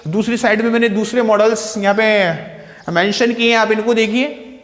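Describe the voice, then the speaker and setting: A man with a high voice teaches grammar, asking his own questions and answering them. He repeats each key term with simpler words and slows down to read out example sentences. The room is echoey and the reverb hangs long. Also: fairly even intonation. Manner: asks rhetorical questions and answers them himself; reads example sentences slowly. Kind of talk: explaining grammar to students.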